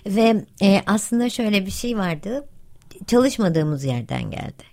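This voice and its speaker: Gravelly-voiced woman urging listeners earnestly. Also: medium pitch, a little mellow. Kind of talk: casual discussion.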